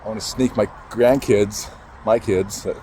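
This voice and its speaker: A man with a low, mellow voice tells a personal story, halting and emotional, with casual swearing along the way. A faint hum of traffic and street noise sits behind him outdoors. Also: steady tone, low-quality recording. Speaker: motivational speaker.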